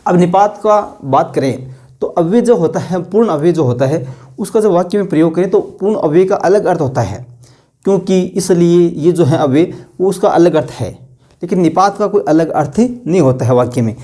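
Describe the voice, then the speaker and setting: Male teacher, fairly high voice with a mellow tone, asks rhetorical questions and repeats example sentences. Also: normal speed. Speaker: Hindi grammar teacher. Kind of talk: online grammar lesson.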